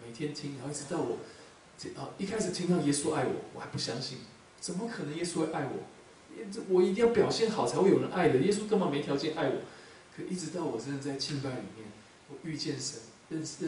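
Guy preaching, quick, voice a bit high, big echoey church hall, mic far off. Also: a little hiss or hum. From Taiwan. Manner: emotional, swings between loud emphasis and soft murmurs. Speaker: pastor. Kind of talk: sermon with personal testimony.

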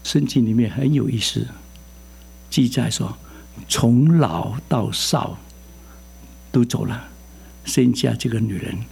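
Male preacher, husky and rough, lively delivery that keeps quizzing the listeners. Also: mid-range voice, slow, long pauses. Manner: lively, quizzes the congregation with rising questions. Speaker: pastor. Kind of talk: sermon.

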